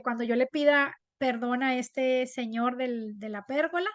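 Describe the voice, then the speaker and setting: A woman leading a women's Bible study. She shares a personal testimony in an animated, chatty way and often checks in with her listeners. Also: high voice, dry recording.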